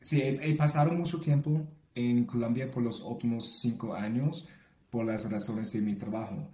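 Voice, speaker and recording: A man from Canada, a native English speaker, answering as a podcast guest in halting Spanish with a North American English accent and grammar slips. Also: medium pitch, fairly even intonation, mellow, roomy sound. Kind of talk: casual interview answers.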